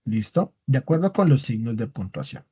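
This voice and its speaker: A man's voice: mid-range voice, very animated, moderate pace, mellow, husky. A man teaching an online class on writing, explaining step by step and checking in with his students with constant tag questions. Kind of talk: recorded online class lecture. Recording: dull lo-fi class recording.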